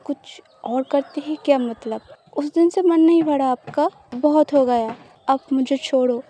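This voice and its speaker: A woman's voice: sits high, a little slow, warm tone. A woman voicing a shy, easily flustered young woman in love, reading an audio love story. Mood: defensive.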